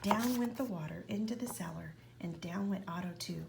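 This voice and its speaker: Lady reading a kids' book out loud, lots of whispering, gravelly voice. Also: on the low side, moderate pace, noisy background. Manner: expressive, often whispered narration. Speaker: reader. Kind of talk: reading a children's picture book aloud.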